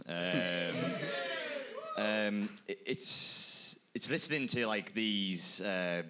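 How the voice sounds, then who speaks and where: A man's voice: lowish voice, extremely slow, sharp tone, smooth. A man in the audience of a live podcast asking the hosts a hesitant, rambling question. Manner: hesitant, rambling, full of fillers. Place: bar venue with live audience.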